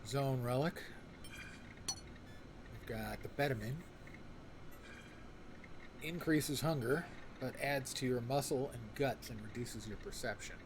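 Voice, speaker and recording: Male gamer, casual RPG play-through, mid-pitched voice, reads screen text aloud, mutters asides, noticeable background noise. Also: a little slow, long pauses. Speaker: gamer playing and commenting on an RPG.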